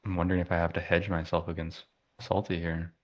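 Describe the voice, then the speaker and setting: A man's voice: sits low, little pitch movement, fast talker. A man trading on a live stream, chatting casually in an easygoing way.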